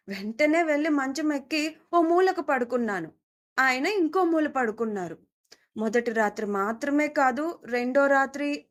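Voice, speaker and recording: A woman with a high voice tells a first-person audio story. She keeps it soft and intimate and reads the characters' lines as they come up.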